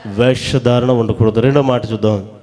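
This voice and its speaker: A man preaching a sermon in a church hall, pressing the congregation to call back their answers loudly. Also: medium pitch, steady tone, moderate pace.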